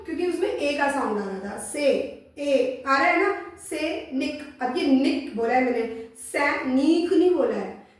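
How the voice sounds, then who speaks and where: A woman teaching Hindi spelling, explaining patiently, sounding out syllables slowly and checking in with her students often. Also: high voice, expressive. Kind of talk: classroom-style explanation. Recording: roomy echo, voice from a distance.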